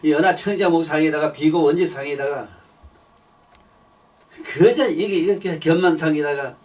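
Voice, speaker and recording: A man's voice: on the high side, moderate pace, darkish tone, distant mic. An older man giving a blunt, rambling sermon, swearing and repeating himself. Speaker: preacher.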